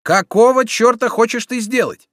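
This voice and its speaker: A man reading an audiobook who voices a sly, smooth-talking bandit with a mocking, persuasive manner. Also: extremely high pitch, normal speed, fairly bright tone, dry recording, clean studio sound, pitched above the performer's own voice. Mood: scolding.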